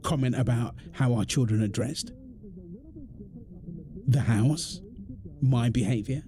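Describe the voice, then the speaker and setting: In an ASMR roleplay drama monologue, a British man plays an exasperated, protective husband arguing with his overbearing mother-in-law, angry and fed up. He speaks emphatically in a mid-range voice close to his everyday one, at a slow pace, with background noise behind him.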